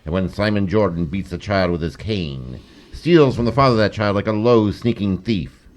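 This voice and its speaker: An actor as The Shadow, low-voiced, theatrical sleuth. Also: male voice, natural voice. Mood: stern, mocking. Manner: measured, deliberate, theatrical. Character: suave, kindly gentleman detective, also a grave avenging phantom. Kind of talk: old-time radio drama acting.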